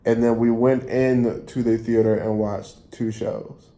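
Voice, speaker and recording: In a laid-back, mellow voice of medium pitch, a man who vlogs stories recounts something from his own life, taking his time. His telling meanders, with frequent rewording and repetition along the way.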